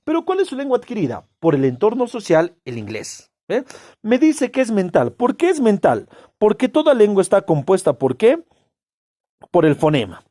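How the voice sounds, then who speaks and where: A man gives a classroom lecture, posing rhetorical questions and answering them himself. He leans hard on key words with drawn-out stresses, his pitch leaping up and down in a very animated way. The recording is close and dry, with no room echo. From Peru. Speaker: teacher.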